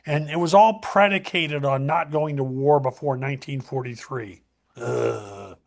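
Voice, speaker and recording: A man's voice: medium pitch, unhurried, vocal fry. A man hosting a casual history talk, rambling with many fillers and self-corrections.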